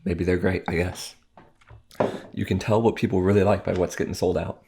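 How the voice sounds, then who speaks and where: Gravelly deep-voiced man chatting. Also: level tone, normal speed, dark tone. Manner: chatty, joking, rambling asides. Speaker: mukbang host. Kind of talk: casual chat while eating on camera. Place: at home.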